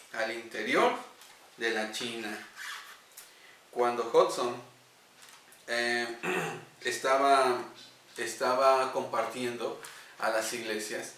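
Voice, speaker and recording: Guy telling a bible-style missions story, bright voice, lots of room echo, mic kinda far. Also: medium pitch, a little hiss or hum. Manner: earnest, with hesitant fillers. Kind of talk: devotional storytelling. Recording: echoey room, distant mic.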